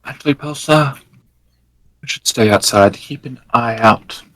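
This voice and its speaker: A man's voice: mid-range voice, unhurried, a bit bright, no room sound. A man playing a tabletop game, speaking lines in character. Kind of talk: in-character role-play.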